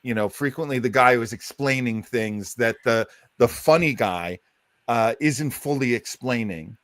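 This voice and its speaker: A man's voice: medium pitch, moderate pace, fairly bright tone, dry recording. A man co-hosting a chat show, talking casually and agreeing often with his guest. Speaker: co-host.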